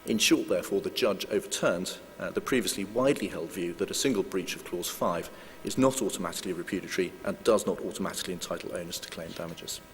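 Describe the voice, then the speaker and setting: A very low-voiced man delivers a formal legal talk in a measured, hedging way, often pausing on filler sounds. His voice carries a long hall reverb, with a faint hum underneath. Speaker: lawyer giving a conference talk. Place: conference hall.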